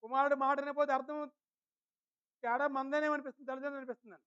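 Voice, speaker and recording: A man preaching a Sunday sermon in a church, calling on members by name and asking them questions, slowing down when he reads scripture. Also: very high voice, level tone, fairly bright tone. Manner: questions the congregation and calls on people by name; slow and emphatic when reading scripture. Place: church service. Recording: dull lo-fi sermon recording.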